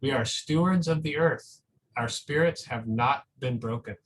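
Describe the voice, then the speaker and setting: A man reading a picture book to school families talks it over in an encouraging, conversational way, often checking in with "right?" His mid-range voice keeps a measured pace, but the audio is poor, with noticeable background noise.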